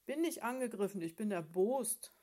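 A woman reading aloud, voicing a grumpy, indignant male bear father in a children's story, complaining loudly. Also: mid-range voice, expressive, normal speed, close to an everyday voice.

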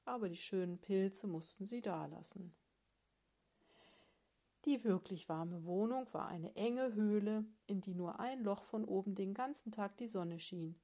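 A woman reading a children's story aloud in a calm, even storytelling manner. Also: mid-range voice, measured pace.

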